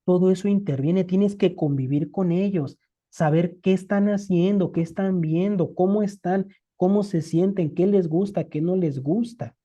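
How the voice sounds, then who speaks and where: Very dark-voiced Mexican Spanish lecturer. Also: medium pitch, moderate pace. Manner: explains with rhetorical questions and everyday examples. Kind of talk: conversational lecture. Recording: dull lo-fi recording.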